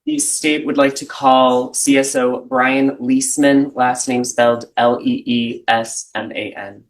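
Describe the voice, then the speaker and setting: A man's voice: medium pitch, level tone, poor audio. A man speaking as a prosecutor, reading charges formally and questioning a witness, heard on a courtroom recording. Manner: formal, measured legal phrasing.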